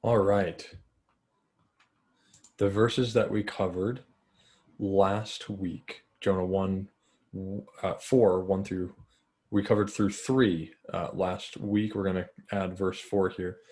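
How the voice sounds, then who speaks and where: A man's voice: sits low, little pitch movement, slow, long pauses, darkish tone. A man teaching a Bible study in an earnest, conversational way, with fillers and restarts.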